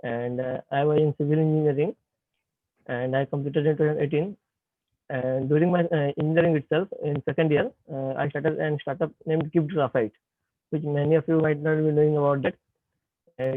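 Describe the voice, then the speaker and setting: Talking fairly quickly with little pitch movement, a young Indian-accented man in his twenties speaks to students as a startup founder. His high-ish voice comes through a dry, tinny lo-fi call line with no room sound, breaking up on the bad connection as he hesitates and leans on fillers.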